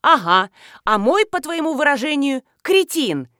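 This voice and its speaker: A woman's voice: medium pitch, expressive, measured pace, no room sound, studio quality, natural voice. A woman reading the part of an irritable middle-aged nurse and mother who scolds sharply. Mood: angry.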